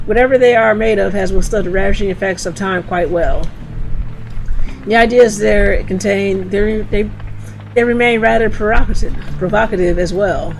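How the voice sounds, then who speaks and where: A woman's voice: medium pitch, normal speed, creaky, a little hiss or hum, natural voice, low-quality recording. A woman reading the lines of a bookish older male scholar from a game, stumbling and restarting as she reads. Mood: musing.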